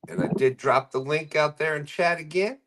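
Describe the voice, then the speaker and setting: A man's voice: fairly high pitch, normal speed, noisy background. A man hosting a live fishing stream, casually greeting viewers and reading their comments aloud with frequent chuckles.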